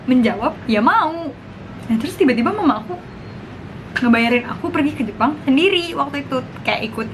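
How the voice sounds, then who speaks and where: A woman, chatting casually and informally to viewers as she eats, sometimes with her mouth full. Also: sits high. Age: 20s. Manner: talks while eating, mouth sometimes full; chatty, informal, slang and English interjections. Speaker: vlogger. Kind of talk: casual mukbang chat to viewers. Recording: clear background noise.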